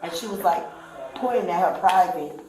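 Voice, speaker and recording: Low-voiced woman, echoey room. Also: moderate pace. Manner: rambling storytelling, acting out quoted speech. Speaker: witness. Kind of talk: recounting events to police. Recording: very echoey room with faint music.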